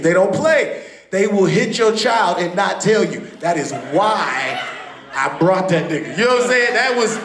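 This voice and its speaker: A male stand-up comedian with a high-pitched voice tells a story on stage, profane and animated, breaking into shouts. He speaks into a handheld mic. The comedy club room echoes noticeably. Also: a little hiss or hum.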